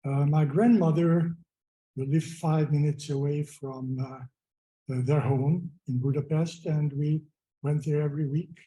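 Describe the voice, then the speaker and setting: A man from Hungary with a Hungarian accent, speaking as a relative at a memorial, hesitant, with frequent "uh" pauses, into a microphone. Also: fairly high pitch, fairly even intonation, warm tone, low-quality recording. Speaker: relative giving remarks. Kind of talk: spoken memorial remarks. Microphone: microphone at a gathering.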